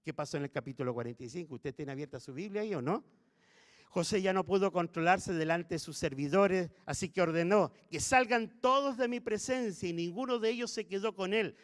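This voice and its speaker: A man's voice: high voice, a little fast. A man preaching a sermon in a church, retelling a story and asking his listeners questions. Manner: animated, asks the congregation questions. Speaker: pastor. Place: church sanctuary. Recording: echoey church hall.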